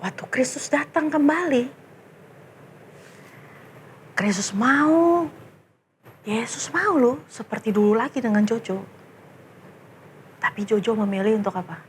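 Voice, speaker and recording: A young woman teaching children in a lively storytelling sermon, speaking to them directly. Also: fairly high pitch, unhurried, pauses often, a little hiss or hum. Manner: animated, addressing children directly.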